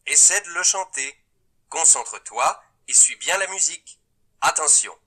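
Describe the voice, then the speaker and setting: A man giving scripted instructions and praise to a child in a learning app, in a steady, encouraging way. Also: a little high. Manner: slow, cheerful praise to a child.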